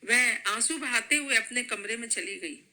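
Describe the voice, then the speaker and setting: A woman reading a family story aloud in a steady, plain narration. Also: a little high, moderate pace, low-quality recording.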